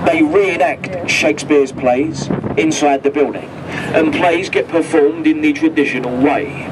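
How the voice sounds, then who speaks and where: On the open deck of a river boat outdoors, a man from the crew gives chatty, jokey tour commentary into a handheld microphone. His voice is on the high side and unhurried. Filmed from a distance, it comes through the boat speaker as a distant PA voice with boat noise.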